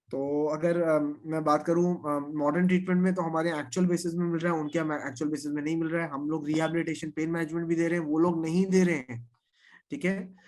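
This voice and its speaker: A man leading an insurance training session, explaining policy points with confidence and often checking that everyone follows. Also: on the high side. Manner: confident, repeats 'theek hai' to check understanding.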